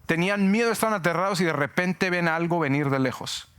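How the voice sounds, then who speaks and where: A male pastor preaching a sermon, animated and joking, acting out shouts from the story. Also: high-pitched, a little fast, clear, resonant tone. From Mexico.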